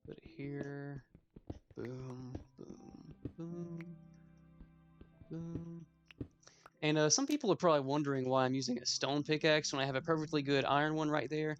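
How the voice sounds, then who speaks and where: A man's voice: on the high side, normal speed, muffled recording, music in the background. A 21-year-old man giving casual gameplay commentary as a let's play host, rambling with self-mocking asides.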